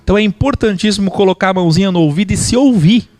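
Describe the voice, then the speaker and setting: A man from Brazil teaching church teachers how to speak, lecturing in an animated way and mimicking preaching voices. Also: high voice, racing, dry recording, faint music behind.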